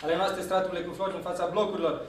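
A man giving a live reading of his poetry to an audience, in a dry, deadpan manner. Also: high-pitched, a little hiss or hum. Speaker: poet reading his work. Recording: very echoey hall, voice from far off.

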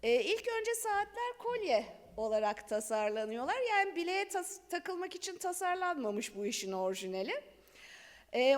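A woman's voice: high-pitched, a little mellow. A middle-aged woman speaking at a lectern microphone in a large conference hall, giving a chatty, conversational law talk with light laughter. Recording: long hall reverb.

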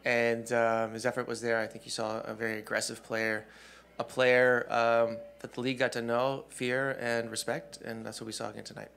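A man in his forties at a postgame press conference speaks into a desk microphone in a press room. His voice sits at an ordinary middle pitch. He answers steadily and thoughtfully, pausing with frequent ums. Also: level tone, gravelly, fairly bright tone, clear, resonant tone. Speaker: head coach. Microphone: desk mic on stand.

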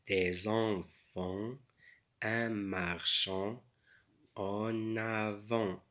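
A man teaching French reading, sounding out words slowly with pauses and explaining in Arabic. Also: lowish voice, a bit bright. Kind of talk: slow syllable-by-syllable reading lesson.

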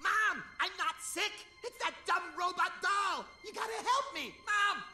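A woman's voice: very high voice, measured pace, echoey room. A woman voicing a whiny, panicky boy in a cartoon. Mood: pleading. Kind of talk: animated cartoon voice acting. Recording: music behind the voice.

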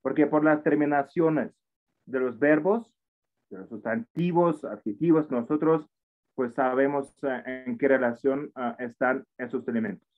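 Speaking a little slowly in a mid-range voice, a language teacher whose first language is Russian gives an online English lesson in Spanish. He often restarts sentences and tacks on tag questions as he explains, heard through a tinny call connection.

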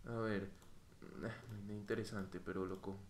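A young man with a Colombian Spanish accent giving excitable Minecraft gameplay commentary, swearing and yelping at mishaps. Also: lowish voice, fairly quick. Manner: excitable, swears, bursts into yelps. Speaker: gaming youtuber. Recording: bright roomy home mic with faint noise.

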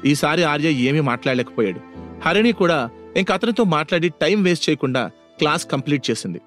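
A man's voice: on the high side, animated, a little fast, a bit bright, faint music behind. A man narrating a scripted audio story in a dramatic storytelling manner.

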